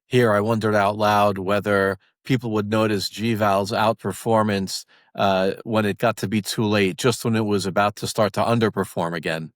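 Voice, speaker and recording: A man, the podcast host, narrating scripted links between interview clips in a measured way. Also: on the low side, steady tone, no echo, studio quality.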